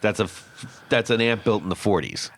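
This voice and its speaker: A man's voice: lowish voice, animated, moderate pace, a little hiss or hum. A man hosting a podcast in casual chat, reacting with short remarks and jokes. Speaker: podcast host.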